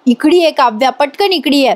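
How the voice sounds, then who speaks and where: A woman puts on a caring elder sister who talks softly and patiently. Her voice is high, and she coaxes rather than scolds. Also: expressive, normal speed. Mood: coaxing.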